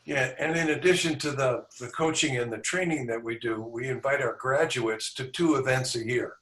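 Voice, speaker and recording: A man's voice: mid-range voice, moderate pace, a bit bright. Brief: male coach guest, confident teaching style, echoey room, sits back from the mic. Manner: confident, instructive coaching delivery. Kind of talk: podcast interview. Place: indoor room with a back wall. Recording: roomy sound, distant from mic.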